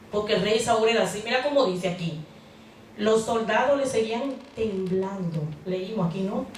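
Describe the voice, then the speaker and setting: A woman's voice: on the high side, a little hiss or hum. A woman preaching a sermon in a church, talking conversationally and putting questions to the congregation. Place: church hall. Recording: very echoey hall, mic far off.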